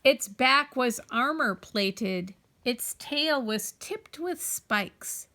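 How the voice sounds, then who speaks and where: A woman with a voice that sits high reads a children's picture book aloud, telling the story in an expressive, deliberate and emphatic way.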